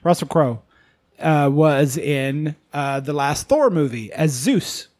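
Brief: male co-host, casual and profane, jokey, higher pitch. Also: lively intonation, slow, darkish tone. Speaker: podcast co-host. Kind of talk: casual chat.

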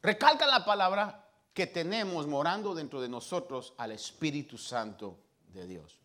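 Male pastor, sermon delivery, high-ish lively voice, dramatic loud-to-hushed swings. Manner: slow, emphatic scripture reading.

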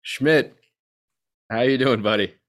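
A man's voice: mid-range voice, slow pace. A man hosting a podcast in casual, colloquial chat, talking like he's with a buddy. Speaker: podcast host.

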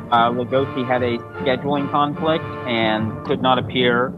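A man hosting a casual livestream, offhand and wisecracking as he comments on an old movie. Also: medium pitch. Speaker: podcast host. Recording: dull lo-fi stream audio with the film's music behind.

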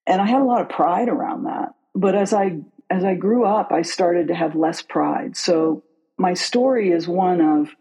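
A middle-aged guest from West Virginia tells their own story in an earnest, unhurried way. The voice is dark and soft, with a husky edge. They slow down to land the points that matter. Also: mid-range voice, rough recording. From West Virginia, USA. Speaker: guest, business leader. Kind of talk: reflective personal storytelling.

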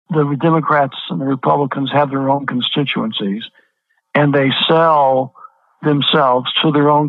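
Heard through a tinny phone line with no room sound, this medium-pitched man is a pastor being interviewed as a guest. He makes his case with emphasis, returning to the same words again and again.

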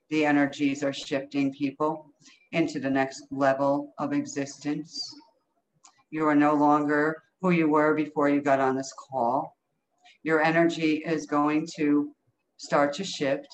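A woman leading an improvised energy healing session as a healer, speaking in short, incantatory phrases with repeated commands. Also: low-pitched. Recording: dull, lo-fi call audio with noise.

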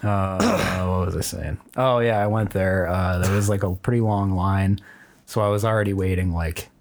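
A man's voice: low voice, steady tone, normal speed. A young man chatting casually on a podcast, telling a rambling story full of fillers and restarts. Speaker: podcast co-host. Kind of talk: casual chat.

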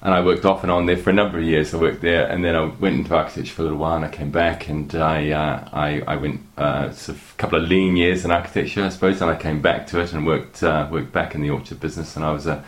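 A man's voice: a bass voice, fairly even intonation, fast talker, hardly any pauses. A middle-aged man with a New Zealand accent, a guest chatting hesitantly with many fillers and restarts. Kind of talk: casual interview talk.

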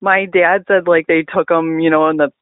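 A man co-hosting a casual podcast, speaking in a relaxed way with lots of filler words. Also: a little high, moderate pace, smooth, dry recording. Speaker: podcast co-host. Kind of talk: casual chat. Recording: dry, phone-like lo-fi sound.

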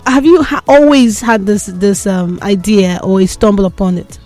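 A woman's voice: mid-range voice, normal speed, dark tone, soft background music. A woman hosting a podcast interview in an informal, conversational way, checking in with "right?". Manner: informal, often adds "right?". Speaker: podcast host.

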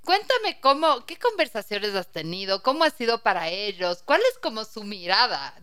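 A woman's voice: medium pitch, big pitch swings, moderate pace, a bit bright, clear, resonant tone. A woman interviewing a guest, asking prompting questions and laughing easily. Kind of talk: conversational interview.

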